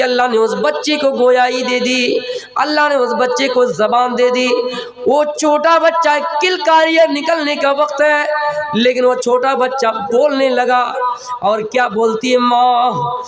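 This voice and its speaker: High-voiced slow preacher before a crowd. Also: male voice, a bit bright. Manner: emotional, drawn-out storytelling. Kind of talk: Islamic sermon. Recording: crowd audible behind.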